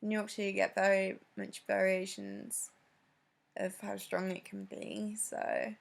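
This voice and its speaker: Slow, gravelly woman vlogging. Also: medium pitch. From Britain. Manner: hesitant, many ums, laughs between answers. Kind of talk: casual chat answering questions.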